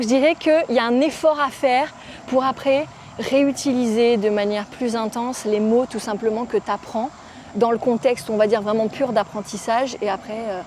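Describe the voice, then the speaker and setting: A woman's voice: on the high side, a little mellow, a little hiss or hum. A young French woman chatting informally to camera outdoors in a park, with many fillers. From France. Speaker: vlogger. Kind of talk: casual talk to camera. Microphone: phone camera.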